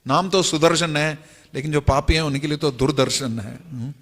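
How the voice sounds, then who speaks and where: In an echoey temple hall, a man delivers a devotional story sermon, retelling tales and chanting verses between explanations. His voice is on the high side, with fairly even intonation and a brisk pace.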